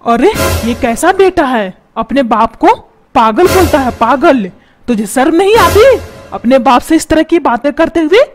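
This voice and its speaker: A woman voicing a short-tempered middle-aged cartoon father who yells and scolds his family. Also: high voice, expressive, measured pace. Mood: angry. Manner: yelling, scolding, self-pitying. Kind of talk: cartoon voice acting. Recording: music playing underneath.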